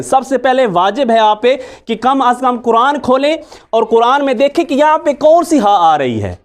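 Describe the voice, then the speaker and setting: Guy with a pretty high voice teaching quran recitation, says the sounds over and over. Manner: patient, repeats sounds to demonstrate. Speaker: religious teacher.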